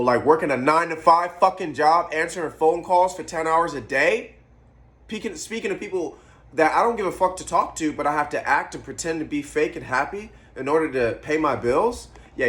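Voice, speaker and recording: Young guy in his 20s vlogging, rambly, swears a lot, just thinking out loud. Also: on the high side, lively intonation, brisk. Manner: rambling, profane, musing aloud; eating while talking. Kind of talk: casual monologue to camera.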